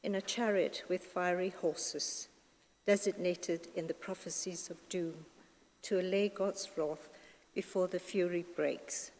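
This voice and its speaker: A woman slowly reading scripture and leading responses at Mass, in a long cathedral echo. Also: lowish voice, fairly even intonation, a little mellow. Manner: slow, measured reading. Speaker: reader at Mass. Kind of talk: liturgical reading and psalm responses. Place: large church. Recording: echoey church from far off.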